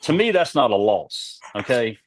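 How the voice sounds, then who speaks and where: A man's voice: mid-range voice, big pitch swings, normal speed, a little hiss or hum. A man telling rambling fishing stories in a folksy way, repeating words as he goes, in a casual interview. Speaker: guest, tournament kayak angler.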